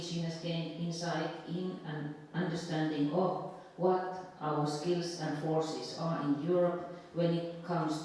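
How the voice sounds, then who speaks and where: A woman's voice: deep voice, dark tone, a little hiss or hum. Woman chairing, introducing a lecturer. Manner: reads a formal introduction with hesitations. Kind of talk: introducing a speaker. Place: large lecture hall. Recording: echoey hall, distant mic.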